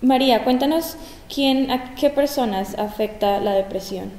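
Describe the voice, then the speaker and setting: A woman's voice: fairly high pitch, a little slow, darkish tone. Woman hosting a health talk, echoey gym. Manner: clear, guiding questions. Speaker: host. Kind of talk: community health talk show. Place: large school gym. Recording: roomy echo, long gym reverb.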